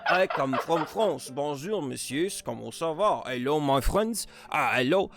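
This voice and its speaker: A man voicing a haughty French gentleman adventurer with a put-on French accent, dismissive of his hurt friend. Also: high-pitched, very animated, very fast, vocal fry, background noise, pitched above the performer's own voice, full character voice. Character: smug dark-haired French gentleman adventurer.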